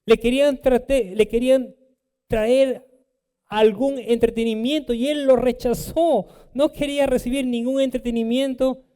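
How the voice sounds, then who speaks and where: A man's voice: sits high, mellow, in a large hall. A man preaching a sermon as pastor, reading scripture and then retelling it with emphatic rises. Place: church.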